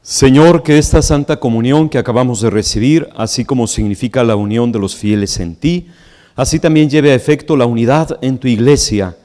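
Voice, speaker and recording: Male priest praying slow and measured, mellow tone, big cathedral echo. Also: mid-range voice. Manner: slow, measured liturgical delivery. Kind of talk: leading mass prayers and blessing. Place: large church. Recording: long church reverb.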